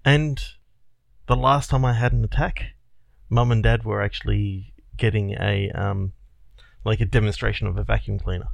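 Man in his 30s, co-host, low gravelly voice, dry close sound, chatty storyteller. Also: fairly even intonation, normal speed, no room sound. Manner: chatty storyteller, laughs at himself. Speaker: podcast co-host. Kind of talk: casual chat.

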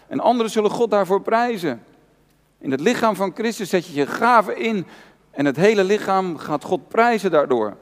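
A man's voice: sits high, expressive, normal speed. A male pastor preaching an earnest, personal sermon, repeating key phrases for emphasis. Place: church hall. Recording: long church reverb.

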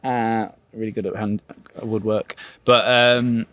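A man's voice: fairly low pitch, level tone, a little slow, a bit bright, dry recording. A young man, chatting casually as a podcast co-host, jokey and rambling, swearing freely. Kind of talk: casual chat.

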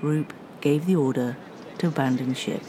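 A woman presenting a radio history show, reading a scripted narration in a measured way that slows down on dramatic lines. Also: a bass voice, noisy background.

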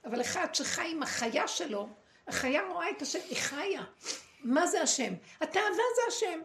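A woman giving a dramatic, preachy spiritual talk to a group, with pointed pauses. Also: high-pitched, animated, a bit bright. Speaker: spiritual teacher. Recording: echoey room, faint noise.

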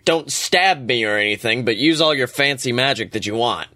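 A man voicing a smug young male hero with a low-key delivery. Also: expressive, normal speed, bright, forceful tone, dry recording, clean studio sound.

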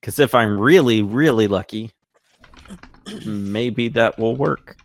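A man's voice: mid-range voice, lively intonation, slow. A man playing a tabletop game, wry and self-deprecating, making small jokes about his own rolls. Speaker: player. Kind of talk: casual tabletop play.

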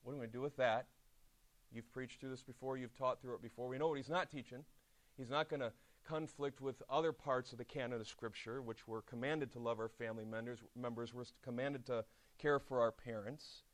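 A middle-aged man preaching a chapel sermon, telling stories with lively asides. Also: mid-range voice, a little fast. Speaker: pastor. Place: seminary chapel.

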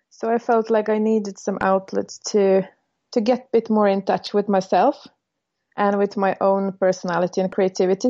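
A woman's voice: medium pitch, warm tone, dull audio. Czech woman, hesitant guest. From Czech Republic. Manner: thoughtful, hesitant with many fillers. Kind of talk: casual podcast interview.

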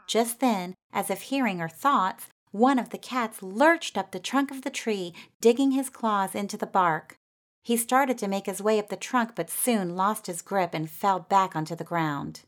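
A woman narrates a children's storybook at an even, mid-pitched level. Her reading is steady and expressive. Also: unhurried.

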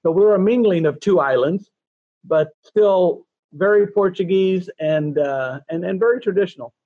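This Californian in his sixties is a talkative, self-deprecating guest who rambles his way through a casual interview at a moderate pace. His voice is slightly high for a man, recorded in a dry room with no echo, and the sound is dull and lo-fi.

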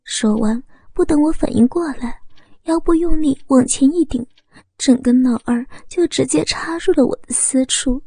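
A woman narrating a first-person story in a soft, breathy manner. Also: sits high, moderate pace, no room sound, studio quality.

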